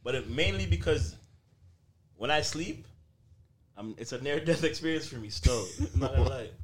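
A man in casual podcast banter, with very lively, swinging intonation. His talk is slangy and teasing, full of street expressions, pitched in the middle of the male range. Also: normal speed, poor audio. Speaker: podcast host. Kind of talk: casual banter among friends.

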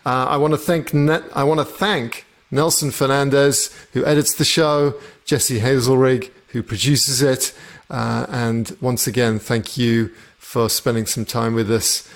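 A man's voice: mid-range voice, steady tone, a little slow. A man hosting a podcast, chatting casually with a guest, with occasional fillers. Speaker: podcast host. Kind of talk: casual interview talk.

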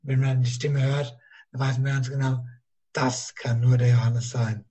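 A man guest in a casual interview, speaking with a rough, strained voice and a halting way of repeating himself. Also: medium pitch, flat delivery, warm tone.

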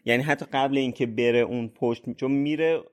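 A man's voice: mid-range voice, steady tone. Chatty man in a casual book podcast. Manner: easygoing, laughs often, chatty. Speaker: podcast co-host. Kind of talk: casual chat about a book.

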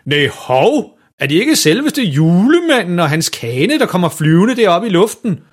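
A scheming, boastful dad, voiced by a man reading a story, eager and wheedling as he talks his children round. The voice is slightly husky. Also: high-pitched, big pitch swings, pitched above the performer's own voice, heavily acted. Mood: shouting.

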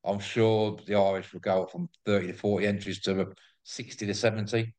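A man's voice: fairly low pitch, steady tone, brisk, darkish tone. A man with an English accent talking casually and effusively as an interview guest, often repeating words and phrases. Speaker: interview guest, greyhound track promoter. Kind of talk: casual enthusiastic chat.

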